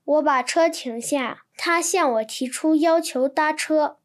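A woman reading translated textbook sentences in an even, clear manner. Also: high-pitched, a little slow. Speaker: Chinese translation reader.

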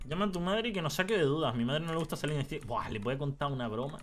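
Young Canarian male streamer, playful and teasing, lively storytelling over gameplay, light high voice. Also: faint music behind. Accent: Canarian Spanish. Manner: animated teasing storyteller, quick mood swings. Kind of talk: casual chat while gaming.

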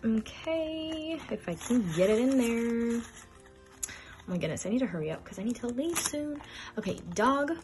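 With music in the background, a budgeting vlogger in her twenties counts cash aloud and stuffs envelopes, chatting casually and sometimes getting flustered. She speaks at normal speed in an animated, slightly high voice.

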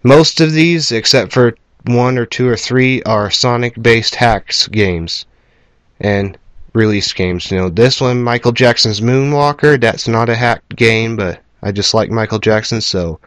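A man hosts a homemade game hardware demo from a cluttered room at home, rambling casually and bluntly with some swearing. His voice is mid-range and a bit bright, his pace measured, and the recording dry. A camera microphone at varying distance picks him up, giving a noisy home recording with clicks.

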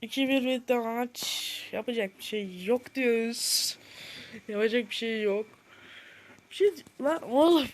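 A gamer commentating their own football video game match in a playful mock-commentator style, excitable and shouting at the players, with a sore throat. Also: medium pitch, a little slow, slight background noise.

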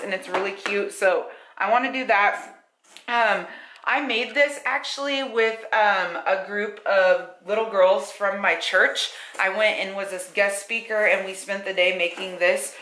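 A young woman with a bright, clear voice talks casually to camera at home, rambling a little with restarts and fillers. The sound is roomy, with the echo of bare walls around her. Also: medium pitch. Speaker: YouTuber. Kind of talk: casual vlog talk to camera.

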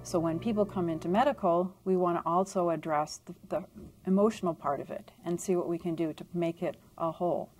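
A woman's voice: lowish voice, fairly even intonation, a little fast, darkish tone, slight background noise. Earnest woman doctor in her fifties. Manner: earnest, reflective. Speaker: clinic doctor and leader. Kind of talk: documentary interview. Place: office.

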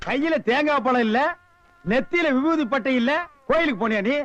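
An actor playing a sharp-tongued man who mocks and scolds a group of beggars in a film comedy. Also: very high-pitched, a little fast, background noise. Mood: mocking. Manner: mocking, scolding. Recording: dull lo-fi film soundtrack.

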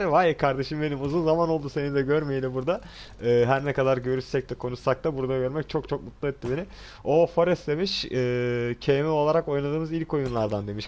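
A man's voice: mid-range voice, fast talker. A young man hosting a live gaming stream, chatting with teammates and greeting viewers by name. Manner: lively, greets chat viewers warmly, laughs often. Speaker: streamer host.

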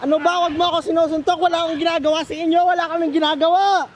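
A man with a Filipino accent plays a young immigrant attacked on a beach, shouting in panic and anger. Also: very high-pitched, animated, a little fast, exaggerated voice. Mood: panicked. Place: outdoors at a beach. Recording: loud wind and surf noise.

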